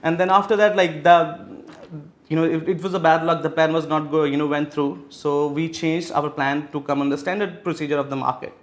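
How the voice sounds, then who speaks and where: The speaker is a real estate executive from Pakistan, a man in his thirties, taking interview questions as a business guest. His fairly quick, flat speech is on the high side, and he leans on fillers and keeps restarting sentences.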